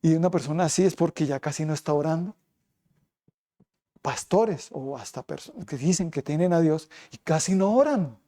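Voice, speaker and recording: Mellow-voiced man preaching a sermon. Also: fairly high pitch, animated, moderate pace. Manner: preaching with rhetorical questions. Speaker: pastor.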